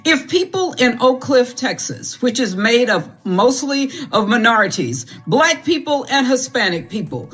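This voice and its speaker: A woman's voice: on the high side, sing-song, measured pace, few pauses, a bit bright, breathy edge. A woman giving commentary through a string of pointed rhetorical questions. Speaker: social media commentator.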